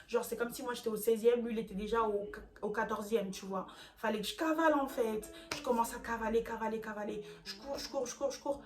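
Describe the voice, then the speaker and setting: A young woman from France telling a dramatic storytime in a casual vlog, in lively, slangy street talk. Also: on the high side, quick pace. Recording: music playing underneath.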